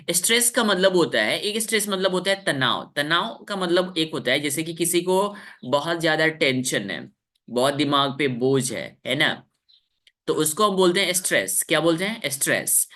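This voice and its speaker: A man's voice: on the high side, bright, forceful tone. A man teaching English to children in a live online class, explaining patiently and often asking the class questions.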